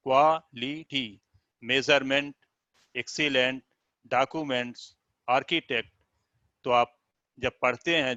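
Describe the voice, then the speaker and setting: A man's voice: medium pitch, sharp tone, no echo. A male teacher giving a video lesson to children, who says each word several times and spells it out letter by letter. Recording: dull lo-fi sound.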